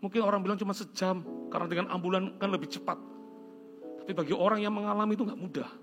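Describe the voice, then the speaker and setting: Middle-aged indonesian pastor preaching, earnest storyteller, slightly high voice, guitar music behind. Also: male voice, fairly even intonation, fast talker. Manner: earnest storytelling, drops to soft prayerful tones. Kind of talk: sermon. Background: soft guitar music.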